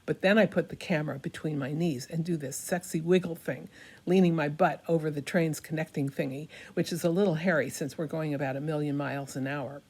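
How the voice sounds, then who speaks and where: An older woman with a low voice performs a satirical monologue like a stage actor. Her delivery is hammy and theatrical, and she plays out the dialogue inside her first-person storytelling. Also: fairly even intonation, a little fast, darkish tone, husky. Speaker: performer reading a comic monologue.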